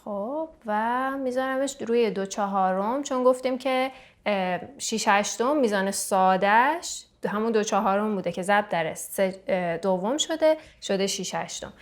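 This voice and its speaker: Woman patiently explaining a santur lesson. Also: medium pitch. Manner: counts beats aloud and sings note names; patient, explanatory, with fillers and restarts. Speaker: santur teacher.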